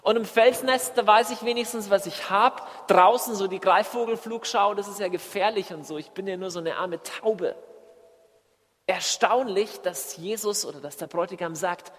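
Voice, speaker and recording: A man preaching a sermon, shifting between loud emphatic lines and quiet, slowed asides. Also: high-pitched. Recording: long hall reverb.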